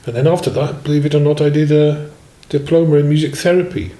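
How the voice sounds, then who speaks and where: A man in his sixties from Swansea, a musician telling his life story in a relaxed, rambling way and often saying "you know". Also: on the high side, quick pace. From Swansea, Wales. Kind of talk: relaxed autobiographical chat. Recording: echoey room.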